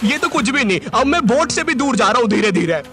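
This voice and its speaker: High-voiced joking young man. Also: very animated, quick pace. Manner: chatty, joking. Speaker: vlogger. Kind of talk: comic animated travel vlog narration.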